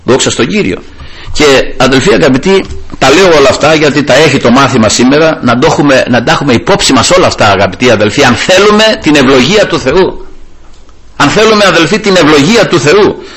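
A man delivers a sermon in a slightly high, very lively voice that rises and falls widely. He retells scripture with animation and keeps turning to address his brethren. He draws out important words slowly to stress them. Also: breathy edge. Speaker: preacher.

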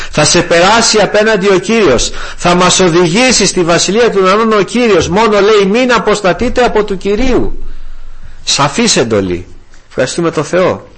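A man's voice: sits high, lively intonation, a bit bright. An older man preaching a sermon with fervor, calling his listeners brothers. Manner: fervent, addresses listeners as brothers.

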